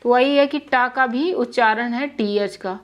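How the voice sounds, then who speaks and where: A woman's voice: a little high, measured pace, lo-fi sound. A young woman teaching English pronunciation in a Hindi lesson, patiently repeating words and spelling out letters. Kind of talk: Hindi-language lesson explaining spelling rules.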